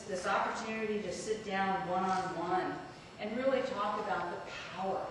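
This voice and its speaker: A woman in her fifties giving an earnest, rambling public speech with many fillers and restarts, introducing a guest. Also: medium pitch. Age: 50s. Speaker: community speaker introducing a guest. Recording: echoey hall, far from the mic, noisy.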